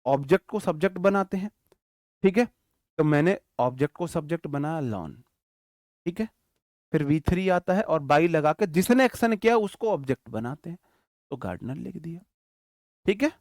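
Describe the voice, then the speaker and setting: A man's voice: on the high side, expressive, normal speed, pauses often, darkish tone, no echo, clean studio sound. A man giving an online English grammar lesson, dictating example sentences word by word and checking in often with the class. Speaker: English teacher.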